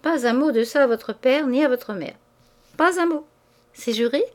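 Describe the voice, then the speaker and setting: A woman reading the part of an ambitious young man who speaks softly and coaxingly, with a cool edge. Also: high voice, moderate pace, voice pushed up, lightly acted. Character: smooth-talking ambitious young man, cold.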